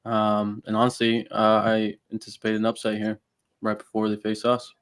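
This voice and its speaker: A man's voice: lowish voice, monotone, clear, resonant tone. A man on a sports podcast panel, making his pick with many fillers. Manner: halting, filler-heavy. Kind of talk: casual sports chat.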